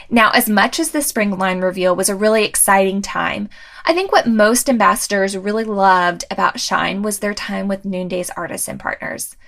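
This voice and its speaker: A woman's voice: medium pitch, vocal fry, fairly bright tone. A woman hosting and narrating a scripted recap in an upbeat, enthusiastic way, recorded as a studio voice-over. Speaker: host.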